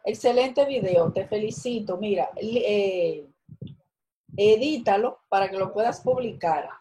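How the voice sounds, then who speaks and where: A woman's voice: mid-range voice, unhurried, dark tone, low-quality recording. A woman teacher giving an online class on a video call, explaining and correcting student work with encouragement. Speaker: university teacher.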